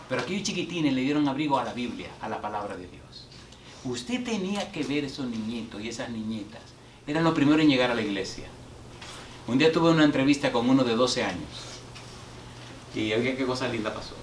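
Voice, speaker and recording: A man pastor preaching in a church, his voice caught from a distance in a roomy, echoing hall with a faint hiss underneath. He tells stories with lively back-and-forth, calling out to the congregation, then slows to read scripture with weight. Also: medium pitch. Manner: storytelling with call-and-response to the congregation; reads scripture slowly and emphatically. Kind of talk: sermon. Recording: echoey hall from far off, faint noise.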